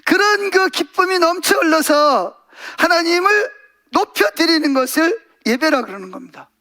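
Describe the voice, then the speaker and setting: A male pastor delivering a Sunday sermon in a strikingly high voice. He preaches with animation, acting out scenes in other voices and calling out questions to his listeners. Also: normal speed. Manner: animated, acts out voices and asks the congregation questions.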